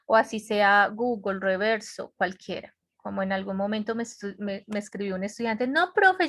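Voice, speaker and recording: A woman English teacher giving an online class, explaining slowly and patiently and often checking that students follow. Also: medium pitch, no room sound. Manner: patient, repetitive explaining with frequent check-ins. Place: home office on a web conference.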